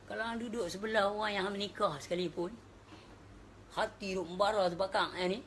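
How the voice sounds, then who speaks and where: A woman's voice: medium pitch, steady tone, a little fast, a little hiss or hum. A woman with a northern Malaysian accent giving a casual religious talk, chatty and dropping in English words. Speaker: religious speaker.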